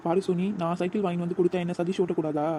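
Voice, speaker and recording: A man's voice: high voice, flat delivery, rapid-fire, warm tone, slight background noise, lightly acted. A man voicing a stern cartoon village dad. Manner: stern scolding. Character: strict but loving village father.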